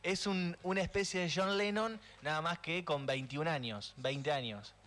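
A man's voice: on the high side, normal speed, a bit bright, faint music behind. A man in his twenties with an Argentine Spanish accent, hosting a radio show in a friendly, easygoing way with curious questions. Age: 20s. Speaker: radio host. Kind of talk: casual radio chat.

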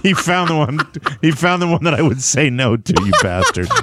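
A man's voice: fairly high pitch, very animated, fairly quick, fairly bright tone, no room sound, faint music behind. A man hosting a talk show, chatting casually, teasing his co-hosts and laughing often. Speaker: show host. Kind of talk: casual chat.

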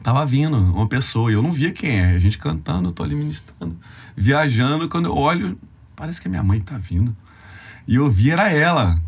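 A young man from Brazil with a husky, slightly breathy voice tells a heartfelt church testimony on a podcast. He speaks casually and with slang, his emotion close to tears. His pitch sits in a mid range. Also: very animated, brisk. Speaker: youth ministry leader.

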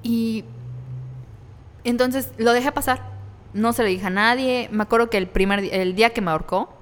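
A young woman with a Mexican accent tells her story in candid, slangy chat, laughing now and then. Her voice is smooth and resonant, and a long reverb rings around it. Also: a little high, normal speed. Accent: Mexican Spanish. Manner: candid, laughs through hard memories, slangy. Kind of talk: casual conversational storytelling.

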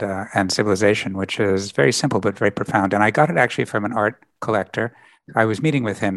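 A man being interviewed as a podcast guest, explaining his work thoughtfully with frequent pauses. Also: on the low side, dry recording. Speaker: podcast guest, environmental lawyer. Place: lives in Britain.

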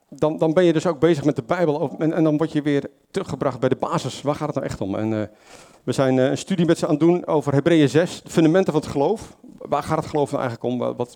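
Pitched on the high side with a warm tone, this man preaches a sermon as a lay preacher. The talk is loose and conversational, with lots of fillers, self-corrections and questions aimed at the congregation.

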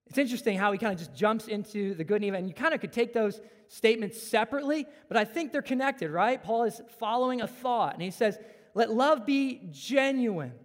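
A man's voice: high voice, in a large hall. A man in his thirties preaching a conversational sermon as a pastor, acting out everyday dialogue to make his points.

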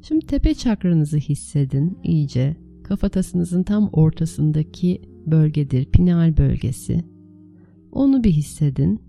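Female meditation guide: lowish, very mellow voice, soothing and unhurried, gentle instructions with spacious pauses. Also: very animated, creaky, faint music behind. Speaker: meditation teacher leading a guided meditation.

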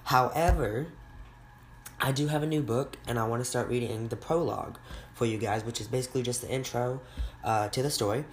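A man hosting a bedtime story podcast, reading a children's book aloud in a halting, sleepy way, stumbling over words and correcting himself. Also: medium pitch, a little hiss or hum, rough recording. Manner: sleepy, yawning.

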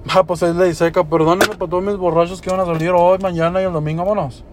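A young man hosts a podcast in a loose, rambling, heartfelt way, dropping slang and swear words freely. His voice sits a bit high for a man, with faint noise behind it. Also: steady tone, fast talker. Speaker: podcast host. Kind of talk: casual podcast chat.

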